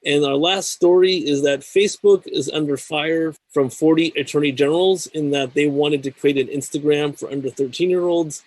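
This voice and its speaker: A man's voice: a little high, steady tone, darkish tone, dry recording, rough recording. Dry-sounding male show host. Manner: measured, reads news items then chats. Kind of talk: scripted news segment and interview.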